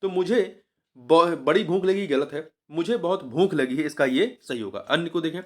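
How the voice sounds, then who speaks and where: A man with a slightly raised pitch teaches like an exam coach, working through a grammar test paper question by question. He talks patiently, repeating each answer and spelling words out syllable by syllable. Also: normal speed.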